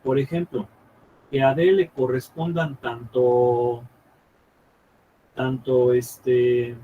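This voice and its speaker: A man teaching a math class live, thinking aloud as he draws on the board and checking often with quick questions whether the students follow. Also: medium pitch, flat delivery, narrow, tinny audio, a little hiss or hum.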